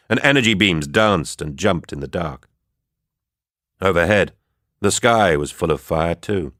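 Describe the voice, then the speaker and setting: A man reading a story aloud in a steady, measured way for a book club. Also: deep voice, no echo, clean studio sound. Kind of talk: audiobook-style narration.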